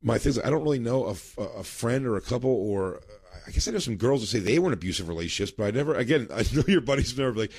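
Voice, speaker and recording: A man's voice: mid-range voice, animated, fast talker, few pauses, a little mellow, husky. A man co-hosting a podcast in casual chat, a telling rambling stories and laughing mid-sentence. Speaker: podcast co-host.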